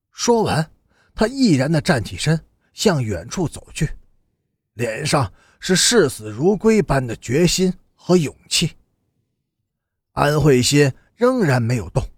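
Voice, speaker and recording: Man, audiobook narrator, husky, very lively intonation, close dry recording. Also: a little high, no room sound. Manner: steady storytelling with expressive rises and falls.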